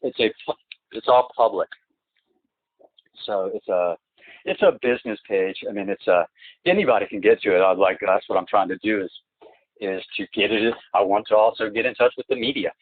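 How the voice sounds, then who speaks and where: Halting man over a tinny phone line. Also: lowish voice, husky, dry recording. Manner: halting and rambling, many restarts and repeated words; insistent, emphatic complaints. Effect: heard through a phone line. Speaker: client on a phone call. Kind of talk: phone conversation.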